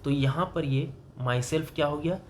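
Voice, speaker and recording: A man giving a classroom grammar lesson in a somewhat higher voice. He keeps asking the student questions and then answers them himself, moving between Hindi and English terms. Faint room noise sits behind him. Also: measured pace. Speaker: English teacher.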